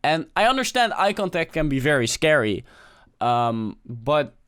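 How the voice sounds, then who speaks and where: Relaxed, chatty young man. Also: on the high side, measured pace, smooth. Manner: relaxed and conversational, with frequent fillers and restarts. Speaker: vlogger giving presentation tips. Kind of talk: unscripted casual talk to camera.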